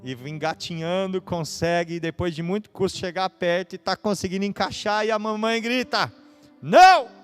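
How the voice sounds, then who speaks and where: A man preaching a sermon as pastor, with a São Paulo Brazilian accent, swinging between hushed and loud passages. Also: fairly high pitch, clear, resonant tone. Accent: Brazilian Portuguese, São Paulo.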